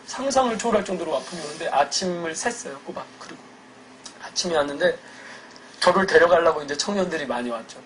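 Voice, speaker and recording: A man, a church deacon, telling his personal faith testimony in an earnest, emotional way, going from hushed to loud. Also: a little high, lively intonation, fast talker, a little hiss or hum, low-quality recording.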